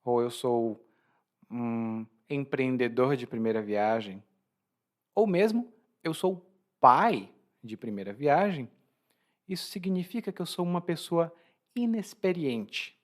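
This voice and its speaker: Explaining Portuguese expressions in a language lesson, this teacher speaks at a slow pace in a lively mid-range voice. His delivery is full of restarts and laughter as he clarifies each point.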